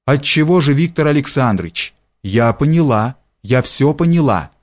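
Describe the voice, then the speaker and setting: A man voicing a timid, devoted young peasant girl who pleads softly in an audiobook story. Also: medium pitch, expressive, normal speed, pitched above the performer's own voice, natural voice. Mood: pleading.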